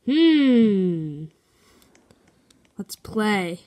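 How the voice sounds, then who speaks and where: Slow-talking woman narrating her game. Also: mid-range voice, big pitch swings, warm tone. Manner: chatty, reads game notes aloud, reacts while playing. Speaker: game video maker. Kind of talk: casual gameplay commentary.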